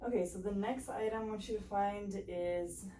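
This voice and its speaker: A woman's voice: medium pitch, steady tone, normal speed, mellow, echoey room, far from the mic, slight background noise. A woman working as a home health therapist, guiding a patient through exercises with patient, encouraging instructions and frequent fillers. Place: home kitchen and pantry.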